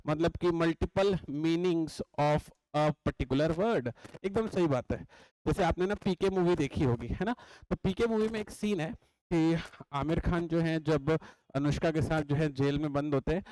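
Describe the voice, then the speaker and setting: High-voiced man teaching in a dry room. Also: darkish tone, no echo, low-quality recording. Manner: chatty, repeats points and checks understanding. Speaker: exam coaching teacher. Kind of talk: classroom lecture. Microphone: writes on a board while talking.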